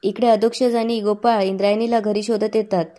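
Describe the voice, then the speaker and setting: Flat, mellow-voiced woman narrator. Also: mid-range voice, a little fast. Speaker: narrator recapping a TV serial episode. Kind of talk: scripted narration.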